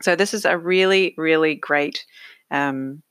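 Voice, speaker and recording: A woman's voice: low-pitched, measured pace, clean tone, dry recording. A middle-aged woman hosting a casual podcast interview from home, chatty and full of fillers. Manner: chatty, warm-voiced with many fillers. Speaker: podcast host.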